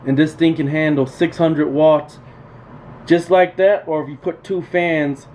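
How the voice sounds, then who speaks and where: In a low-quality recording with steady noise and room ambience, a radio repair technician gives an informal, off-the-cuff tutorial on tools. His pitch is fairly high and he talks a little slowly. He is plain-spoken, repeats himself, and gives practical advice with emphasis.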